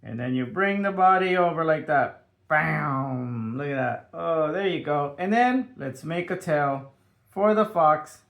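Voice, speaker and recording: Upbeat high-voiced man teaching kids to draw. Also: lively intonation, unhurried, a bit bright. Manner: upbeat, sing-song, adds playful sound effects. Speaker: drawing teacher for children. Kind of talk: step-by-step children's drawing tutorial.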